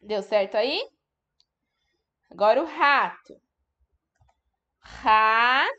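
A woman teacher with a high voice speaks slowly to small children, stretching out each syllable for them to hear. She is patient and encouraging throughout. The sound is dull and lo-fi, like a home video recording. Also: expressive. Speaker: primary school teacher. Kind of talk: recorded remote lesson for young children.

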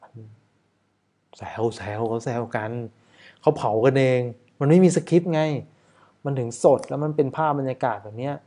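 A man's voice: medium pitch, moderate pace, dark tone. A man, a wedding photographer, casually talking over footage in a chatty way, often asking rhetorical questions.

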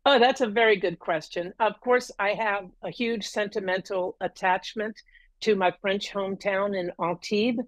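A middle-aged woman speaks at normal speed with a medium pitch and fairly even intonation, and there is no echo. She is a guest on a video call for a casual interview, sitting in a room at home with a green wall and telling her story at length with many ums and uhs.

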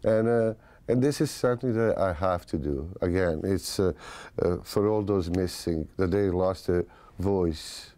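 A man in his forties with a Bosnian accent, speaking haltingly and reflectively in an interview. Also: sits low, mellow. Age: 40s. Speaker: filmmaker, interviewee. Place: small home studio room.

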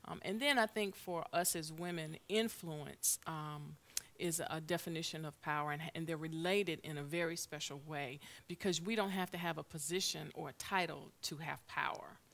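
Middle-aged woman host, deep voice, faint background hiss, studio interview. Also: steady tone, normal speed, vocal fry. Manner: warm-up questions, frequent affirming "mm-hmm". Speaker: host, Bible study leader. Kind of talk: church ministry interview. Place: church TV studio set, seated on stage. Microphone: lapel.

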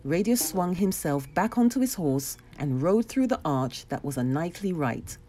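A woman with a lowish voice reads a children's storybook aloud at a moderate pace, narrating expressively.

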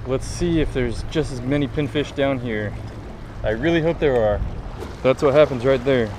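A young man giving casual, excitable fishing commentary in slangy, exclamatory phrases. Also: medium pitch, normal speed. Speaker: fishing vlogger. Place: outdoors on a rocky jetty by the water. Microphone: action camera worn on the body. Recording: noisy outdoor action camera by water.

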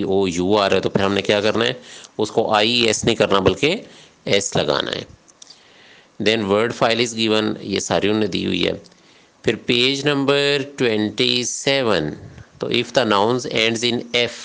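A man's voice: lowish voice, gravelly, a bit bright. A man teaching English grammar in a patient, step-by-step classroom lecture, mixing English terms into Urdu. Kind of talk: classroom lecture explaining rules.

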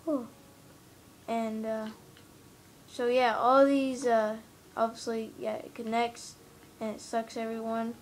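A woman with a slightly high, flat voice chats her way through a game walkthrough, hesitant and full of fillers. She talks from a room at home into a handheld camera pointed at the TV. A faint hiss sits under her voice. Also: slow pace. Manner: rambling, hesitant, many fillers. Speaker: gamer giving a tour of a game build. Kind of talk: casual gameplay walkthrough. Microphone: handheld camera filming the TV screen.

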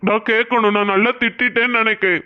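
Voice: mid-range voice, fairly even intonation, quick pace, clean tone, natural voice. A performer voicing a sorrowful old village grandfather. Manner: pleading, regretful. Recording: dull lo-fi audio.

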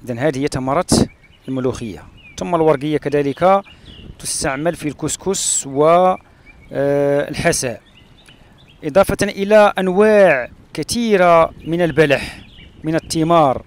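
A man from Morocco narrating his travels along a rural road and through a palm oasis, pausing often with "uh" fillers. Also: fairly high pitch. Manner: hesitant, with frequent "uh" fillers and pauses. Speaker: travel vlogger.

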